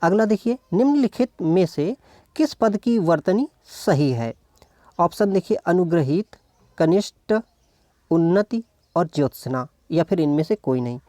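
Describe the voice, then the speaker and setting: In a mid-range voice with a dark tone, an exam-prep tutor runs an online lesson, talking each practice answer through and quizzing itself along the way. It patiently checks in with "ok" again and again, and the audio is studio quality without echo.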